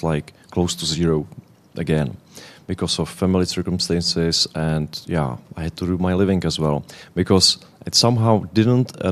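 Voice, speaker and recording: Low-voiced Czech man giving a halting talk. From Czech Republic. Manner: halting, searching for words in English. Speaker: conference speaker. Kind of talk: conference presentation.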